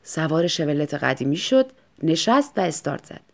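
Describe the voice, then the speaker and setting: A woman narrating a story in a calm, even audiobook reading. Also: deep voice.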